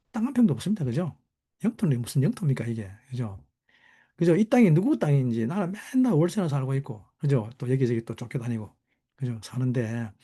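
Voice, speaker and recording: Male Bible teacher, sermon delivery, rhetorical and questioning, dark mellow tone. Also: breathy edge. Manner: rhetorical, constantly asking the audience "right?"; animated, sudden pitch jumps for emphasis.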